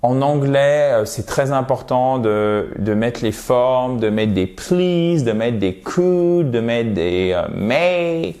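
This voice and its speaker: Male French-native English teacher, unhurried delivery, mid-range voice, playful exaggeration. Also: mid-range voice, animated, warm tone. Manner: explains slowly, models English pronunciation with exaggerated tones. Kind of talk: video lesson for French speakers.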